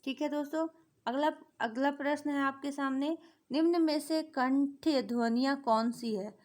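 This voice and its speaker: Teaching grammar for an exam, this woman repeats the key points and answers her own questions. She speaks in an unhurried way, her high voice a little mellow.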